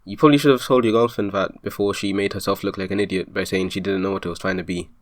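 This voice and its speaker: A man's voice: low voice, fairly even intonation, quick pace, dry recording, clean studio sound. A man giving an argumentative commentary, rebutting a review point by point with exasperation.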